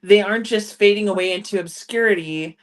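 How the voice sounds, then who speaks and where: A woman's voice: medium pitch, fairly quick. A woman in a casual political chat, speaking earnestly and with emphasis. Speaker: political commentator.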